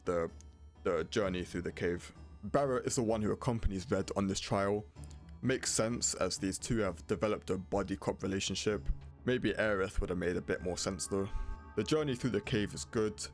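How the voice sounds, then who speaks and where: A man's voice: low voice, normal speed. A man narrating a scripted video game review in a blunt, casual way. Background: prominent music.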